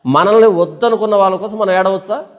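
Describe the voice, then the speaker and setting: A man's voice: sits high, quick pace, highs cut off. A male pastor preaching a sermon, emphatic, firing rhetorical questions at the congregation. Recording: long hall reverb.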